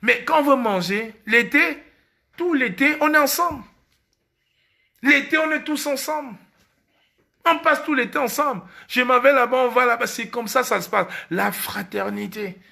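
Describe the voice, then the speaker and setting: Emphatic Cameroonian man, gravelly and bright. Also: very high voice, moderate pace. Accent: Cameroonian French. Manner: emphatic, repeats key phrases. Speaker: live-stream host. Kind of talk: casual live-stream talk.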